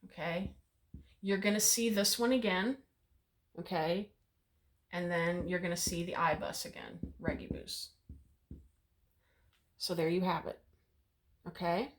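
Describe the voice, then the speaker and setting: A woman's voice: fairly low pitch, fairly even intonation, measured pace, long pauses. A woman giving a casual video lesson at a whiteboard. She chats as she explains, says "okay" often and laughs at her own memory tricks. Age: middle-aged. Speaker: Latin teacher.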